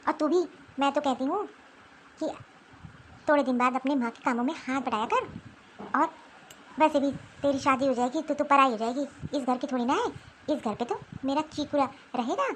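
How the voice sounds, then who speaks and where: A woman's voice: sits high, normal speed, a little hiss or hum, pitched below the performer's own voice, natural voice. A woman voicing a stern older grandmother who scolds a girl in a cartoon. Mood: scolding. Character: stern old grandmother favoring the boy.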